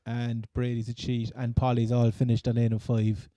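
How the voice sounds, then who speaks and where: Very mellow Cork-accented man chatting sport. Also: mid-range voice, monotone, normal speed, dry recording. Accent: Cork Irish. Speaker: fantasy football podcast host. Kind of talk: casual sports chat.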